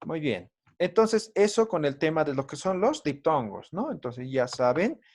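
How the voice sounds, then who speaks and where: A man's voice: fairly high pitch, sing-song, normal speed, a little mellow. A man teaching a language lesson in an online class, patient and explanatory, often checking in with his students with short tag questions. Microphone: video call.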